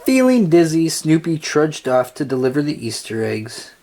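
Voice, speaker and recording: In a mid-range voice, someone reads aloud from a children's storybook, taking a deliberate and expressive storyteller's approach.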